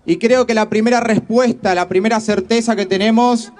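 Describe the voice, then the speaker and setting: A man's voice: high voice, steady tone, moderate pace, darkish tone. An Argentine man, a youth organizer, giving an earnest, declaiming rally speech. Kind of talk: protest speech.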